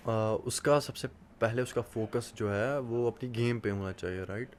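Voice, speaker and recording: A podcast guest in his twenties from Kashmir talks at a normal speed, his medium-pitched voice darkish in tone, over slight background noise. In a casual interview, he speaks earnestly and motivationally about hard work, using many hesitant fillers.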